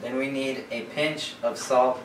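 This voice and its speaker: A man's voice: mid-range voice, fairly even intonation, a little slow. A young man helping in a home kitchen. He reads out recipe steps in a matter-of-fact, lightly teasing way. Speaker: cooking helper. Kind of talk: casual chat, reading recipe steps. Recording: echoey kitchen, distant camera, noisy.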